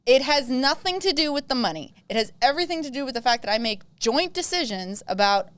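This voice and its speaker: Clear-voiced woman co-hosting, dry sound. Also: high voice, brisk, no room sound. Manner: animated storyteller who mimics the other voices. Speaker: podcast co-host. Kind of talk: casual podcast chat.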